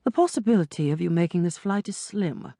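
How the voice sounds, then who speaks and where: A woman's voice: fairly low pitch, lively intonation, brisk, creaky, dark tone, no room sound, clean studio sound. A woman reading an audiobook, voicing a cold, brusque female ticket agent with a British accent and a clipped, dismissive manner. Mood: cold, curt. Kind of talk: audiobook character voice.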